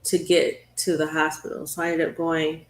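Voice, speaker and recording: A woman's voice: deep voice, completely flat delivery, echoey room. A woman talk show host telling the story of her own illness in an earnest, conversational way. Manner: earnest, storytelling, slows down at hard moments.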